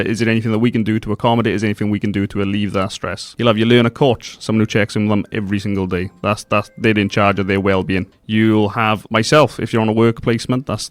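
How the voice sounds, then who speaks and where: A man's voice: fairly low pitch, dry recording. A man with a South Wales Valleys accent, chatting informally and colloquially as a guest in a casual radio interview. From Pontypridd area, South Wales. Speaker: guest, training provider placement worker.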